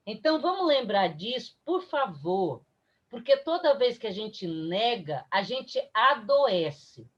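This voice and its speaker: The lo-fi recording captures a woman with a Brazilian Portuguese accent lecturing online on spiritism, her voice a little high, very animated and slow. Direct and incisive, she speaks emphatically to her audience.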